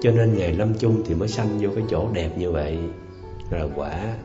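A man's voice: deep voice, normal speed. A man giving an earnest, emphatic Buddhist dharma talk, often repeating words as he explains. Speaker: Buddhist teacher. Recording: roomy, dull lo-fi sound with faint music.

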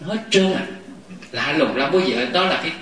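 A man giving a Buddhist dharma talk to a gathering, animated, often laughing and acting out what people say. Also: fairly high pitch, fairly quick. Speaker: Buddhist lay teacher. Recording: echoey hall, mic far off.

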